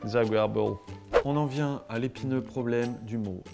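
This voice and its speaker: A man playing a cocky, bluffing high school English teacher in a comedy sketch, deadpan and self-assured, mixing French with French-accented English. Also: normal speed, gravelly, music in the background, natural voice. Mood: smug.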